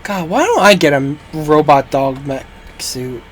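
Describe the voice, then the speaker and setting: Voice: medium pitch, expressive, unhurried, slight background noise. A game streamer giving casual live gameplay commentary in a joking, rambling, profane way.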